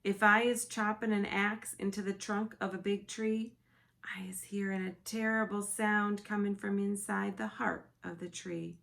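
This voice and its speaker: Lady doing a gentle big-eared giant, mixed-up grammar, slow and gravelly. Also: medium pitch, steady tone. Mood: hushed. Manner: ungrammatical, earnest, mixed-up words.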